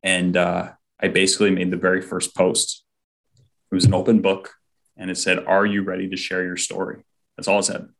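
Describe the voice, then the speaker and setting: A low-voiced man with vocal fry and a fairly bright tone speaks at normal speed in a completely flat delivery. He's an interview guest telling a sincere story about his personal faith, regularly acting out others' quoted speech.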